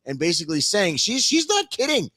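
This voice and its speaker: A man's voice: high-pitched, huge pitch swings, fairly quick, pushed and bright, no echo. A man co-hosting a political talk show, explaining his views earnestly with frequent restarts. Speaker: co-host. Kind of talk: casual political commentary.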